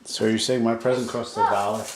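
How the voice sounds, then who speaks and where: A man's voice: fairly low pitch, steady tone, brisk, a little hiss or hum. A man in casual family chat, picked up by a handheld home video camera.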